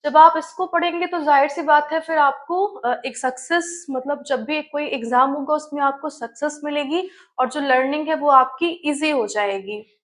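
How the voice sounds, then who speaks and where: In an online lesson on study tips, a woman who teaches biology walks through things step by step, using technical terms and repeatedly posing questions she then answers herself. Her voice is high and her pace moderate.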